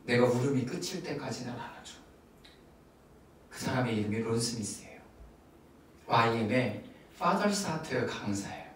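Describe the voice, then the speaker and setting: A male pastor teaching at a Friday prayer meeting, telling a story with acted asides and coaching his congregation. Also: high-pitched. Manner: animated teaching with acted asides and audience prompts. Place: church sanctuary. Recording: echoey church hall, mic at a distance.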